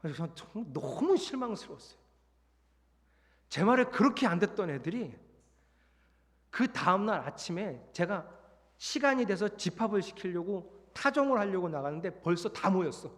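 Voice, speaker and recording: A middle-aged man preaching a sermon, telling a personal story in a lively way and acting out his own shouting. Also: high voice, moderate pace, in a large hall. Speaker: pastor. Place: church sanctuary.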